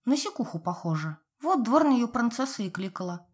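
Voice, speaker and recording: A woman's voice: on the high side, big pitch swings, fairly quick, slightly rough, voice pushed up. A woman voicing an elderly village neighbour, blunt and nosy, in folksy rustic speech, in an audiobook. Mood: gossipy.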